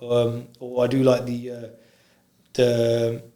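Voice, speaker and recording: A man's voice: mid-range voice, completely flat delivery, takes it slowly, mellow. A man, a guest DJ chatting casually on a podcast, talking hesitantly with lots of fillers and restarts. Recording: roomy echo.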